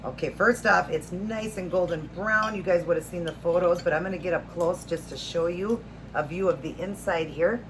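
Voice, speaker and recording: A woman's voice: fairly low pitch, normal speed. A middle-aged woman hosting a vlog, chatting casually to viewers in a rambling, homey, earnest way. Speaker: host of a food and faith vlog. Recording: noticeable background noise, home video.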